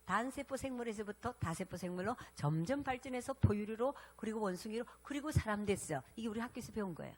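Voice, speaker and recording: A woman pastor preaching a sermon, animated and interactive, prompting her congregation to respond. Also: fairly high pitch, fast, few pauses.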